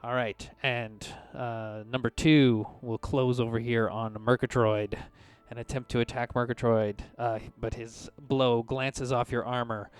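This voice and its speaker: A man acting as game master, improvising narration of tabletop combat in a halting but descriptive way. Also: mid-range voice, level tone, smooth, no echo.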